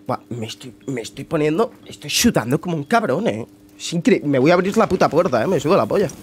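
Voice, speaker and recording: A young Spanish man with a Spanish accent, calling out his own game from his bedroom. His voice sits high and swings wildly in pitch, dropping to low mutters and bursting into shouts, with heavy swearing. A faint hiss sits under his voice. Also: sing-song, fast talker. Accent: Spain Spanish. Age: young adult. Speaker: gamer streamer. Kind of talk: live gameplay commentary. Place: bedroom at home.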